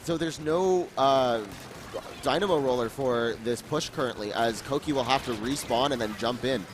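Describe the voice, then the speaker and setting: Excitable male esports co-caster. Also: medium pitch, moderate pace, a little hiss or hum. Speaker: esports commentator. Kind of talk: live esports commentary.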